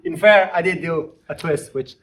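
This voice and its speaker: Higher-voiced man reviewing in a roomy space. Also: normal speed, fairly bright tone. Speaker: product reviewer. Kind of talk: casual hands-on product review. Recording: roomy echo, background noise, clicks.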